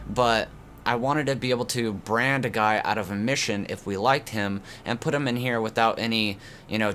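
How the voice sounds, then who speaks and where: Sounding congested, as though through a tube, a man with a lowish, fairly bright voice hosts his gaming channel with casual, meandering commentary. Fillers and restarts are frequent, and a little hiss or hum sits in the recording.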